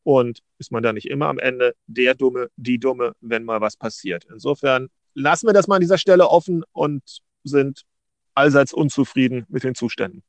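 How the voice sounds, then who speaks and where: A middle-aged man from Berlin co-hosting a podcast, arguing a legal point in a deliberate, wry way with many restarts. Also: medium pitch, no room sound. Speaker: podcast co-host, legal adviser. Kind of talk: casual podcast discussion.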